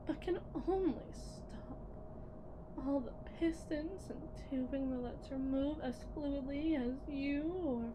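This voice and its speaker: In this scripted ASMR roleplay monologue, a high-pitched woman plays a menacing, condescending lead technician at a shady robot company. Her mood is ominous and measured; she talks unhurriedly and patronizingly, theatrical and deliberate with dramatic pauses, while faint noise sits beneath.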